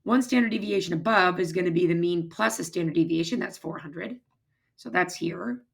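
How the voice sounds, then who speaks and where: A math teacher gives an informal recorded lecture, explaining step by step in a husky, raspy, strained voice that is giving out. She speaks briskly on the low side, hoarse, losing her voice, and clearing her throat.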